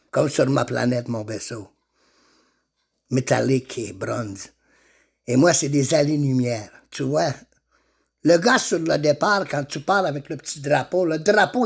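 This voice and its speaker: A man playing a boastful male Martian racer, with a put-on Russian accent and a slow, deadpan delivery in a comedy sketch. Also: on the high side, vocal fry, husky, pitched below the performer's own voice, exaggerated voice.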